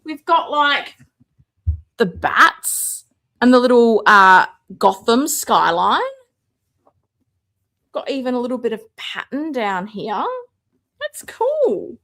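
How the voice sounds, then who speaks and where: A high-voiced woman chatting on a live stream, her pitch bouncing all over as she talks. She reads out viewer comments and jokes about herself while she unboxes a figure. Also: very animated, takes it slowly, pauses often, sharp tone. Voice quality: self-described booming voice. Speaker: host of a live toy collecting show. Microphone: desk mic, moved away at times.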